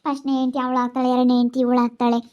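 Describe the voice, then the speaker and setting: A woman playing a shrill scolding mother. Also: little pitch movement, racing, darkish tone, dull audio, close to an everyday voice. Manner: scolding, pleading. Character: worried older mother defending her daughter. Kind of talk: amateur family drama skit.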